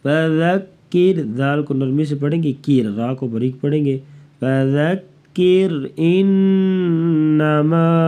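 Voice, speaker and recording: A man teaching Quran recitation rules, chanting verses slowly and melodically and then explaining each rule quickly. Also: medium pitch, dark tone. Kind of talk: tajweed lesson, slow recitation between quick explanations.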